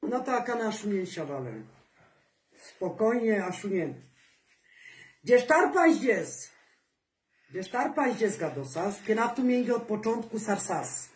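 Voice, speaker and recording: A woman vlogger chatting casually to her viewers, animated, with sing-song calls and rising exclamations. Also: mid-range voice, slow pace, long pauses. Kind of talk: casual chat to camera. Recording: roomy echo, voice from a distance.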